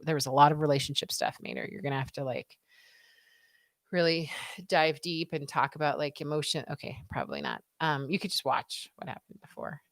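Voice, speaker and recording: A low-voiced woman with a scratchy tone talks a little fast and fairly evenly as she hosts a live stream, rambling casually and reading comments aloud. There's no room sound, and the studio audio is clean.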